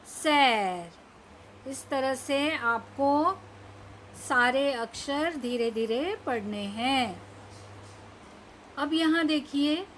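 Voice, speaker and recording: A woman teacher leads a children's reading lesson in a bright, high voice, stretching every word out very slowly before explaining it. A faint hiss of room ambience sits under her speech. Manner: drawn-out word-by-word reading, then quick explanations. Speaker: primary school Hindi teacher.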